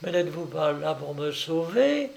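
A man reading a frightened young princess and mother who pleads anxiously, in a higher voice, as an audiobook character. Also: steady tone, a little slow, vocal fry, a little mellow. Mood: anguished.

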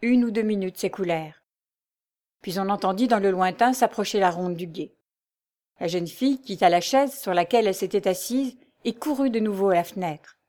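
Woman reader, classic novel narration, even and dramatic. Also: medium pitch, moderate pace. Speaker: audiobook reader.

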